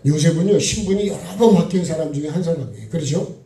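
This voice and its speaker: A man's voice: fairly high pitch, expressive, quick pace, dark tone. A middle-aged man preaching a sermon, talking conversationally and prompting the congregation with frequent asides. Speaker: pastor. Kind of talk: sermon with sung worship. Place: church sanctuary. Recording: echoey room, distant mic, faint music.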